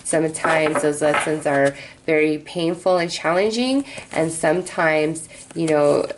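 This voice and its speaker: A woman's voice: low-pitched, measured pace, noisy background. A woman giving a casual mystical horoscope reading, chatty and reassuring, speaking straight to the listener. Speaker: astrology tarot reader, host.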